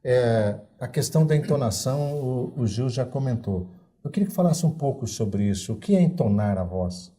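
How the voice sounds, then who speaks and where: A man's voice: mid-range voice, lively intonation, moderate pace, mellow. A man hosting a talk show, interviewing his guests with short, jokey questions.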